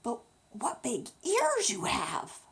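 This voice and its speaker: A woman's voice: fairly high pitch, slow, vocal fry, exaggerated voice. A woman voicing a polite, earnest little girl in a bedtime story. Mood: wary wonder. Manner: earnest, expressive.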